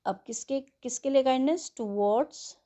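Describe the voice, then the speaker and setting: A woman teaching an English worksheet, slowly spelling words letter by letter and explaining them in Hindi. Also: medium pitch, warm tone, highs cut off. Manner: slow and patient.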